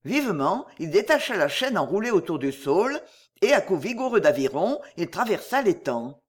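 Expressive narrator reading an adventure storybook aloud, voice rising and falling widely. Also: medium pitch, moderate pace, slightly rough. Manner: lively, expressive read-aloud delivery.

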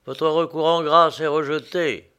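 A pale, shaken prosecutor, as a male narrator voices him in a storybook reading. He murmurs his words slowly, with a trembling voice. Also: a little high, fairly even intonation, sharp tone, smooth.

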